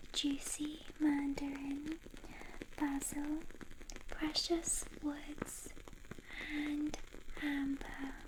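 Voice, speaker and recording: Woman, ASMR role-play as personal shopper. Breathy, soft, unhurried delivery, audible background noise and clicks. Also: high-pitched. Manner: soft, slow, gentle personal shopper presenting products.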